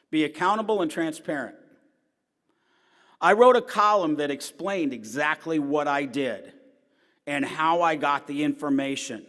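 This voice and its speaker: A middle-aged newspaper columnist with a loud, strong, slightly high voice lectures an audience in a large hall. He tells personal stories earnestly, rising to emphatic points and dropping into quiet asides, with long hall reverb.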